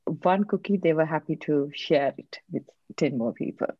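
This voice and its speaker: A woman from Sri Lanka, a guest on a podcast, telling her story in a soft-spoken, reflective, measured way. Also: sits low, slightly rough, no room sound, muffled recording. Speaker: guest, leadership coach. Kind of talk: interview answers, personal story.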